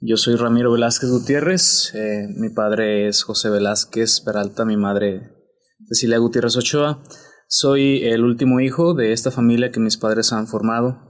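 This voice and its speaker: A Mexican man, a priest, talking about his life in a podcast interview in a reflective, unhurried way, often restarting his sentences. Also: mid-range voice, fairly even intonation.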